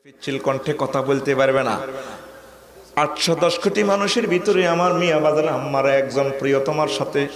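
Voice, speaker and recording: A man preaching a sermon with a Comilla Bangla accent, joking and shouting, acting out voices. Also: a little high, normal speed, echoey room. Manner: humorous, shouting, acts out women's voices. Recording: crowd audible behind.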